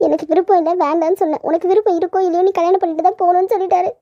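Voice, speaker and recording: A very high, pleading voice of an anxious young daughter in a cartoon, performed by a woman. She sounds worried and close to tears as she speaks. The sound is dull and lo-fi. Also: steady tone, very fast, mellow, soft background music. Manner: pleading, upset.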